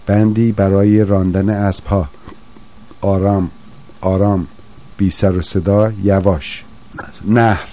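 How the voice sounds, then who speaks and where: A man teaching vocabulary in a slow drill, saying each word twice and then giving its meaning. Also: deep voice, dark tone. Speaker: language teacher.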